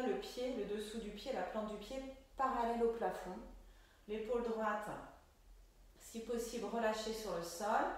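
A woman teaching a Pilates class, giving calm, gentle step-by-step cues and often checking in with "ok?". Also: mid-range voice. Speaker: Pilates instructor. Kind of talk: guided exercise class. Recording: very echoey room.

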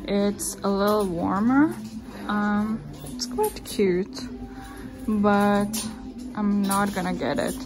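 A woman's voice: medium pitch, slow pace, pauses often. Chatty young woman over background music. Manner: relaxed, chatty, enthusiastic about clothes. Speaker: fashion vlogger. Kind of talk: casual try-on haul narration. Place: store fitting room.

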